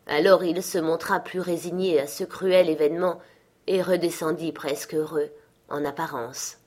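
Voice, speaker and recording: A woman reading a classic novel aloud as an audiobook, in calm, measured storybook narration. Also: sits low. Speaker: audiobook reader.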